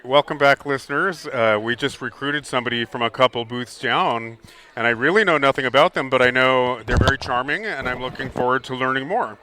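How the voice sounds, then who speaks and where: Bright-voiced chatty man hosting. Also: medium pitch, brisk, a little hiss or hum. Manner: friendly, chatty, curious. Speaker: podcast host. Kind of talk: casual interview chat. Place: expo booth.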